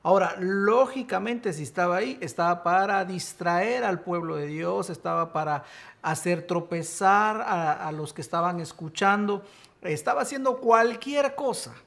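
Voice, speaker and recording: A man's voice: high-pitched, normal speed, gravelly, fairly bright tone. A man preaching and teaching from the Bible, emphatic, rising to exclamations. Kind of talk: sermon-style Bible teaching.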